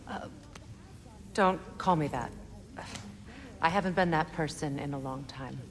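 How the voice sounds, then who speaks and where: An actress playing a proud, wounded goddess in a video game, grave and guarded. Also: female voice, low-pitched, unhurried, a little hiss or hum. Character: proud, wounded, vengeful adult goddess and mother. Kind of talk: video game character acting.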